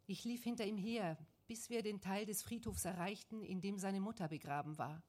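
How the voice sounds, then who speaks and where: A woman narrating a first-person memoir audiobook in a measured, reflective way. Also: mid-range voice, darkish tone.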